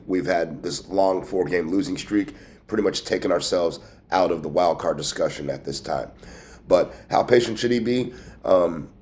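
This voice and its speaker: A man's voice: sits low, darkish tone. A man hosting a sports show in casual commentary, sounding congested and nasal from a cold, as if pinching his nose, with a folksy, conversational manner. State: has a cold with a scratchy throat. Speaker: host of a sports team news show.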